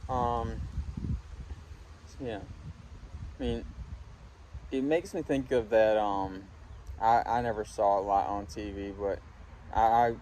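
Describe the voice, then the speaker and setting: A young man from Alabama talking in a casual, halting, reflective ramble while smoking a pipe, often trailing off. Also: lowish voice, darkish tone, low-quality recording. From Alabama, United States. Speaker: vlogger talking to viewers. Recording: windy, clear background noise. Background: wind.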